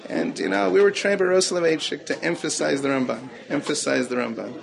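A man's voice: fairly high pitch, animated, fairly quick, gravelly. A man teaching as a rabbi, earnest, repeating key phrases for emphasis and mixing Hebrew terms into his English. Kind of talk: Torah talk answering questions.

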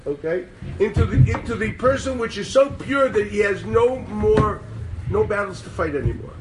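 A man giving an animated, sarcastic Torah class to a group, mixing in Hebrew terms. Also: high-pitched. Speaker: rabbi teaching a class. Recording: distant mic with loud background noise.

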